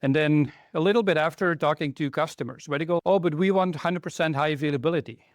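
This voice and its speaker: Talking fast in a slightly high voice, a middle-aged Belgian technical trainer gives a conference talk to a live audience, keeping it conversational and frequently asking the room questions. There is no room sound.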